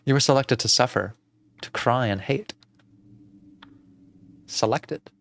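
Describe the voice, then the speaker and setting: A man voicing a sinister, soft-spoken aunt in a video game, speaking low and hushed like a lullaby. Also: takes it slowly, vocal fry, no echo.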